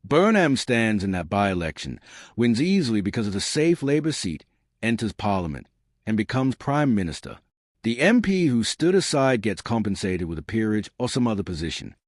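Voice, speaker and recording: A man's voice: lowish voice, dry recording, clean studio sound. A man narrating scripted political commentary in an emphatic, dramatic and scornful way.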